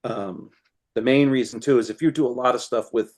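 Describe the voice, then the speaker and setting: A man's voice: medium pitch, brisk. A man, a guest fly tier, chatting casually with lots of "you know" fillers as he demonstrates tying flies and tells stories. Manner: animated, laughs as he tells stories.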